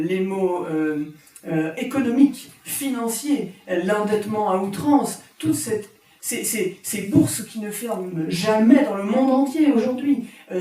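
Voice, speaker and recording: A woman speaks to an audience as an author presenting her book, her voice mellow and dark in tone. She talks in a halting way, starting over and repeating words. She stands well back from the microphone in a big, heavily echoing room. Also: a little high. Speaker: author giving a talk. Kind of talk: conference talk. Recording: very echoey room from far off.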